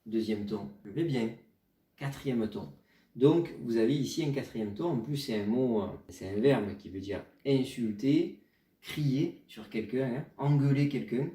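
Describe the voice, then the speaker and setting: A Chinese teacher gives a pronunciation lesson on tones in a roomy space, patiently explaining and modeling each tone slowly. His voice is medium-pitched and warm, recorded from a distance.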